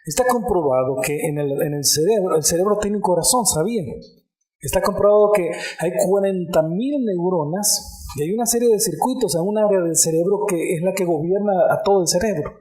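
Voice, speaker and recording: A male pastor with a high, mellow voice preaches a little fast in an echoey room. He calls out "amén" often and speaks straight to the congregation.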